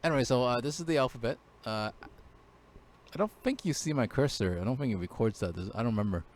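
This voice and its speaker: A man's voice: mid-range voice, lively intonation, fast talker, darkish tone, slight background noise. Hesitant man teaching a casual lesson. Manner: hesitant, many fillers and restarts. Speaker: language teacher. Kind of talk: casual screen-share lesson.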